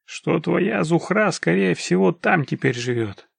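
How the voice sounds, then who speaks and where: A man's voice: a little high, expressive, unhurried, vocal fry, husky, no room sound, pitched above the performer's own voice, heavily acted. A man voicing a shrewd male scout who questions and persuades his comrades. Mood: persuasive.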